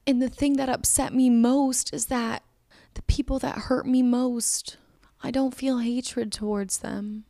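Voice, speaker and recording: A young woman hosting a podcast, talking candidly and emotionally about her personal struggles, often halting and restarting. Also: fairly high pitch, fairly even intonation, gravelly, mellow, dry recording, clean studio sound. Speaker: podcast host. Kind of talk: personal confessional monologue.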